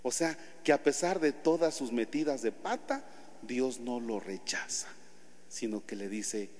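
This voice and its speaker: Animated priest with a Mexican accent. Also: male voice, medium pitch, a little slow, a little hiss or hum. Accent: Mexican Spanish. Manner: animated storytelling, acts out scenes. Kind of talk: homily. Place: church. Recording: long church reverb.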